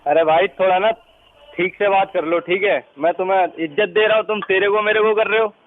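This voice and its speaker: A man's voice: high voice, steady tone, fairly quick. A man on a phone call, brusque and irritated with the caller. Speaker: prank call target. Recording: phone line with loud noise.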